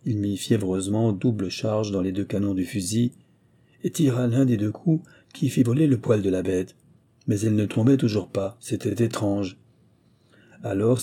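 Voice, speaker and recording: Guy reading an old story, really dark mellow voice, slow and steady. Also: on the low side, husky. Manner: measured, storytelling. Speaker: audiobook reader. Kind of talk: scripted literary narration.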